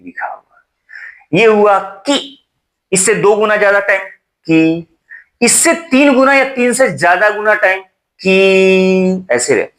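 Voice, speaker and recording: A man's voice: sits high, sharp tone. A young man teaching a Hindi exam-prep lesson at a board, repeating key terms and checking with rhetorical questions.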